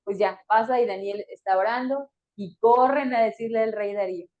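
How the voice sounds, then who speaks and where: A woman's voice: fairly high pitch, normal speed. Chatty woman retelling Bible stories. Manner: chatty, laughs between phrases, many fillers. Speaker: Bible teacher. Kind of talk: conversational Bible storytelling. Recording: dull lo-fi recording.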